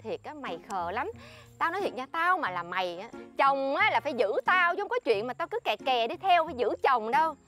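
A woman's voice: sits high, very animated, brisk, few pauses, a bit bright, faint music behind. An actress with a Southern Vietnamese accent playing a boastful, scheming friend who bossily lectures another woman. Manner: bossy, showy, lectures her friend. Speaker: actress in a comedy sketch.

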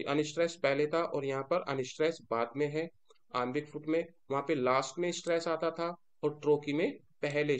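A man with an Indian accent teaching a lecture, mixing in English terms and answering his own questions. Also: fairly high pitch. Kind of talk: classroom-style lecture.

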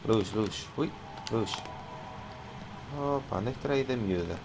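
Male let's-player, European Portuguese accent, jumpy and chatty, game sounds clearly audible under the voice. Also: fairly low pitch, measured pace. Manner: excitable, yelps and swears at jump scares, mutters to himself. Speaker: gamer playing a horror game. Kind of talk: let's play commentary. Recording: clear game noise behind voice.

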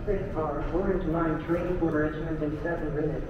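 Man's muffled station announcement over loudspeaker. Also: fairly high pitch, steady tone, normal speed. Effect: station platform announcement over a loudspeaker. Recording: muffled, echoey loudspeaker from far off over loud noise.

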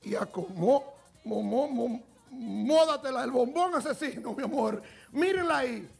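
A man playing a flamboyant gossip queen hosts a comedy TV segment, all camp theatrics and endless endearments. The voice sits high with a gravelly fry, and soft music plays faintly under it. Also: animated, unhurried, exaggerated voice. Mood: gossipy. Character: flamboyant gossipy woman TV presenter. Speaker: comic TV gossip presenter.

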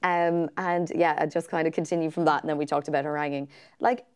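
An Irish woman in her thirties, a TV presenter chatting on a studio sofa in an interview, telling stories with lively acted quotes. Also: low voice, fast, smooth. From Ireland. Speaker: guest presenter. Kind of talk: casual interview chat. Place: small studio set with sofas.

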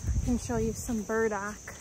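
A woman calmly narrating a walk through her woods, pausing often as she points out plants and animals. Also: fairly high pitch, background noise. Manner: calm, unhurried, pausing often. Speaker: homestead vlogger. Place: outdoors in woods by a creek. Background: faint insects and outdoor ambience.

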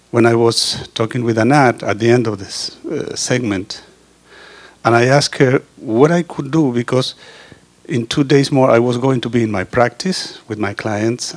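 A Chilean osteopath whose first language is Spanish reads a prepared personal testimonial into a handheld microphone in an indoor meeting room. He speaks earnestly but haltingly, with frequent pauses and restarts, at an ordinary middle pitch for a man.

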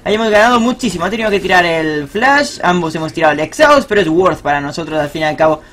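A young man giving live, excitable commentary on his own ranked game, swearing and cheering at big plays. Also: sits high, quick pace, a little hiss or hum. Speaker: gaming streamer.

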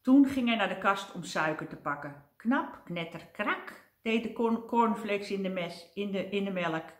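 An older woman reads a storybook aloud to children, gentle and expressive, now and then tripping over a word. Her voice sits in an ordinary middle range, and the room around her is noticeably echoey. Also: mid-range voice, a little slow. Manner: gentle and expressive, with the odd slip.

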